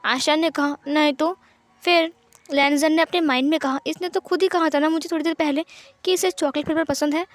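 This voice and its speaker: A woman narrating a romance fanfiction, reading every character's lines in her own gentle voice. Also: sits high, steady tone, a little fast. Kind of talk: storytelling narration with character dialogue.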